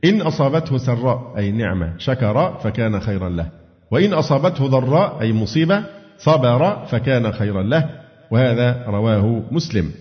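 A man's voice: medium pitch, animated, fairly quick. Egyptian male teacher, Quran commentary lesson, asks and answers his own questions, dull lo-fi sound, long hall echo. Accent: Egyptian Arabic. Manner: asks students questions and answers them himself.

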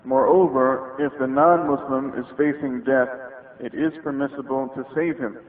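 A man reading religious rulings from a script in a formal, deliberate manner, using Arabic phrases. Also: mid-range voice, steady tone. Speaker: reader of religious rulings on a taped lecture. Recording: muffled phone-like old cassette tape, echoey reverberant room.

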